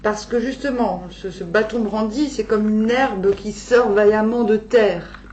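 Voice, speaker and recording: A woman speaking with a dental retainer in, giving an informal tarot reading, thinking aloud haltingly and correcting herself. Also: medium pitch, a little mellow. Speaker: tarot reader. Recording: echoey room, dull sound, faint hum.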